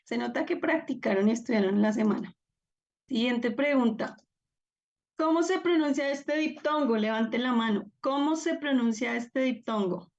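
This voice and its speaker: A woman's voice: a little high, moderate pace, a little mellow, muffled recording. A woman teaching a live online class, encouraging and upbeat as she calls on students by name over a video call. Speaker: Biblical Greek teacher.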